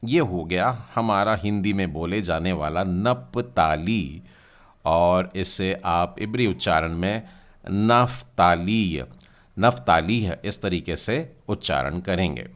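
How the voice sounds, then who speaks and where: A man's voice: deep voice, takes it slowly. A man teaching a language class, patiently spelling out letters and sounds one by one and asking his learners to read along. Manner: addresses learners directly, asks them to read. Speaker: Hebrew teacher. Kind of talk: language lesson.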